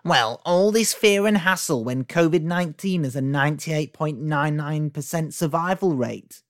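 A smug, sneering online commenter, as a man mocks him, his voice pushed a little higher than normal and sounding dry and close. The tone is dismissive and know-it-all. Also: normal speed, no echo, lightly acted.

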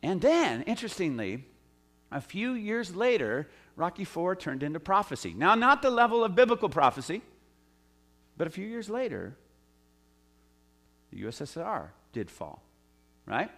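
Middle-aged american pastor, chatty sermon, lots of uhs and side comments. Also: male voice, high voice, sing-song, normal speed, a bit bright. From United States. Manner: conversational with asides and many fillers.

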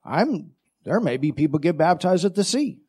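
A man preaching a sermon in short phrases, pausing after each for his interpreter. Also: on the high side, sing-song, darkish tone, breathy edge. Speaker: guest preacher.

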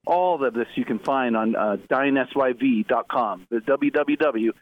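A man's voice: mid-range voice, moderate pace. A middle-aged man speaking conversationally as a radio interview guest over a narrow phone-like line. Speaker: interview guest, tourism executive.

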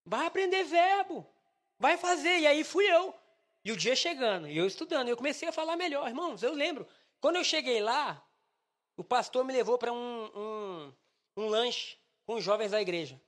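A young man preaching, telling a funny personal story with lively acted dialogue. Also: very high voice, normal speed. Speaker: pastor. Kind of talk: sermon with storytelling.

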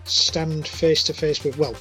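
Higher-pitched man, blunt tabletop player. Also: fairly even intonation, a little slow, pushed and bright, soft background music, rough recording. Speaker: tabletop role-play player. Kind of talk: in-character tabletop game talk.

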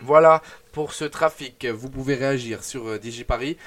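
A young man hosts a live radio show, reading out traffic news and setting up a team quiz. His voice is at a middle pitch, and he talks in a lively, animated way with frequent fillers. The sound is a plain studio mic. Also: normal speed.

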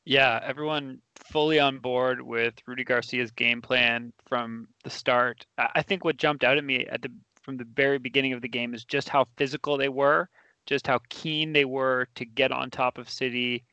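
A man analysing a football match as a podcast panelist, steady and analytical. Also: mid-range voice, moderate pace, smooth, no room sound, highs cut off. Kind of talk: casual podcast discussion.

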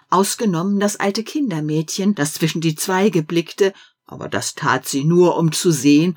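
A woman narrating a fairy tale slowly and expressively, swinging between hushed passages and loud, lively ones. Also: deep voice, husky. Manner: slow, expressive storytelling with wide swings between hush and loud.

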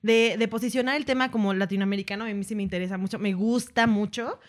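A woman's voice: medium pitch, fairly even intonation, fast. A woman with a Mexican accent co-hosting a casual podcast chat, slangy and chatty with frequent restarts. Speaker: podcast co-host.

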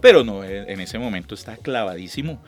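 A middle-aged Colombian man, a lyric singer, telling stories in a chatty, animated way during an interview, acting out the dialogue he recalls. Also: fairly low pitch, fairly quick, soft background music. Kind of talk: relaxed storytelling.

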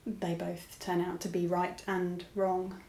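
A woman's voice: fairly low pitch, completely flat delivery, takes it slowly, vocal fry, dark tone, a little hiss or hum. Laughing, chatty woman in an echoey room. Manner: laughs often, self-deprecating. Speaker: novelist guest. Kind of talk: casual conversation.

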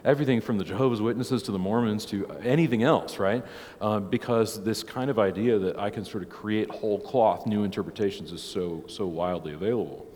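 A man who preaches, teaching a church catechism class in a relaxed, conversational way, heard with a long church echo. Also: on the low side, a little fast. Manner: conversational, tags many points with "right?". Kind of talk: informal church class teaching, opening with prayer.

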